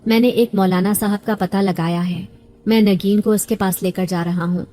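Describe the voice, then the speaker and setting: A man's voice: sits high, fairly even intonation, warm tone, natural voice. A woman voicing a young husband in a storybook reading, earnest and reassuring. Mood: gentle.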